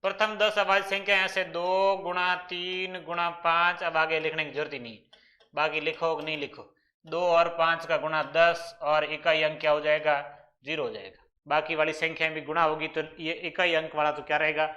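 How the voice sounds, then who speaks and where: A maths teacher with a Rajasthani accent gives an exam-prep lesson, working through each problem step by step and asking questions he then answers himself. His high voice is bright and forceful, though his delivery is flat, at a moderate pace.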